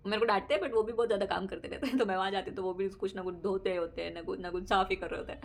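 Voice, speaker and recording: A young adult vlogger talks about her daily routine in a casual chat to camera, speaking very fast with fairly even intonation in a mid-range voice. Laughter comes often, and she slips English words into her speech.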